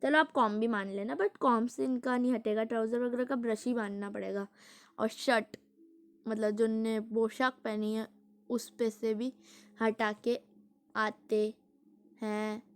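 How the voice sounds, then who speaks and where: A woman's voice: a little high, steady tone, a little slow, clear, resonant tone. Chatty woman explaining a storybook. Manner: chatty, explains words at length, amused. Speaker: storybook reader explaining a picture book. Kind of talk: casual read-aloud with explanations.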